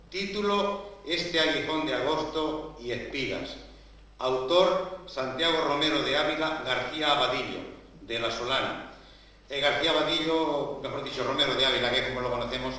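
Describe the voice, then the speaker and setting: A man's voice: mid-range voice, sharp tone. A man presenting an awards ceremony, formally announcing winners with loose, chatty asides. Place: large hall at a public ceremony. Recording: echoey hall, distant mic, faint hiss.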